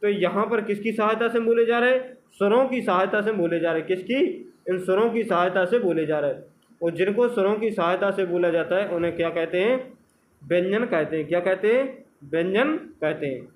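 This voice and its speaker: Guy teacher doing grammar prep, kinda high voice, asks then answers his own questions, stretches out letter sounds. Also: brisk, slight background noise, rough recording. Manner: asks questions and answers them himself, repeating answers. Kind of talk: exam-prep grammar lesson.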